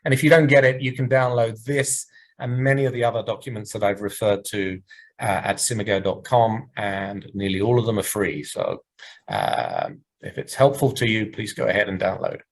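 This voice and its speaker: A man giving a business presentation and answering questions over a video call, speaking in a measured, explanatory way while losing his voice. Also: lowish voice, steady tone, poor audio. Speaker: presenter at a market research webinar.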